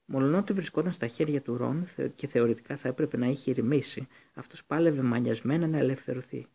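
A man reading a storybook aloud, steady, with occasional slips and restarts. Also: medium pitch, vocal fry, husky. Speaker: audiobook reader. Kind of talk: storybook narration.

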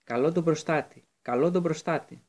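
A man reading an audiobook, voicing a brave teenage boy wizard who shouts urgently in danger. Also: high-pitched, sing-song, voice pushed up. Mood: urgent shouting.

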